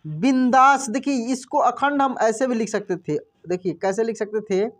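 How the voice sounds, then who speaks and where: A man teaching a reading lesson, who spells words out slowly, says each one twice and keeps asking the listener what is written. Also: very high-pitched. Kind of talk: classroom-style reading lesson.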